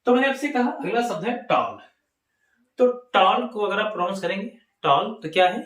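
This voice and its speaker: A man's voice: high voice, lively intonation, moderate pace, fairly bright tone. A man with an Indian accent teaching an English lesson to a class, asking questions and answering them himself. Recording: echoey room.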